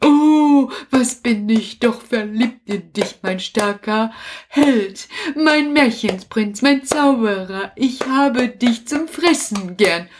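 A woman's voice: a little high, expressive, slow, background noise. A woman voicing a lovesick, clingy female crocodile in a children's puppet show, doting and sobbing dramatically.

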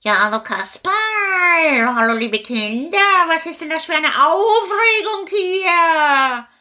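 A woman voicing a friendly, helpful witch in a children's puppet show, brisk and reassuring. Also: very high voice, expressive, bright, forceful tone, voice pushed up, exaggerated voice.

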